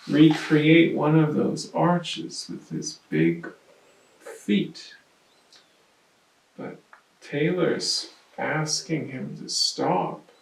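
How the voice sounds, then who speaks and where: A man reading a children's picture book aloud at storytime and describing the pictures in an animated way, recorded in a roomy space from a distance with faint noise. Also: a little high, gravelly. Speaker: storytime reader.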